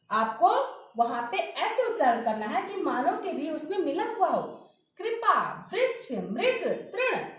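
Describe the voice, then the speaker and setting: A woman teaching a grammar lesson, slowly drilling pronunciation by repeating example words. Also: high-pitched. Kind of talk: classroom lesson with spoken examples. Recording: very echoey room.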